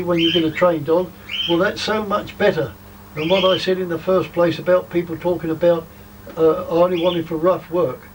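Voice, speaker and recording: An older man explains his craft in an informal, plain-spoken and rambling manner. His voice sits a little high for a man. It is picked up from some distance outdoors, with faint noise around it. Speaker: sheepdog trainer. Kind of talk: informal instructional commentary and advice. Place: outdoors in a field.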